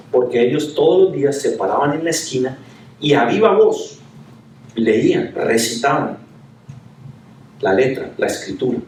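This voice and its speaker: A man's voice: mid-range voice, a little mellow. A male pastor preaching a sermon, chatty and full of rhetorical questions. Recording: echoey room, from a distance.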